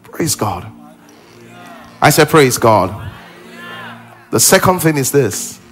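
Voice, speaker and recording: A man's voice: on the high side, sing-song, unhurried, fairly bright tone, faint music behind, some chatter behind. A male pastor preaching a sermon with emphasis, repeating key lines and acting out what people say.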